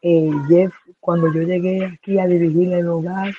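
A woman from Rico, an orphanage director giving an earnest, halting personal testimony. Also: on the low side, level tone. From Puerto Rico. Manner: earnest, halting, with fillers and restarts. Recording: tinny phone-like line with faint noise.

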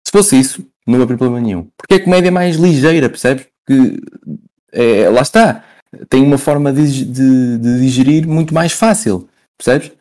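A man with a European Portuguese accent and a mellow, relaxed tone of medium pitch. He explains things informally, circling back over phrases and often checking that the listener follows. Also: normal speed. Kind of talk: casual conversational explanation.

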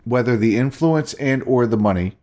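A man's voice: mid-range voice, normal speed, mellow. A man co-hosting a podcast with a Virginian accent, blunt and casual, swearing now and then and asking questions. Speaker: podcast co-host. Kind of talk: casual chat.

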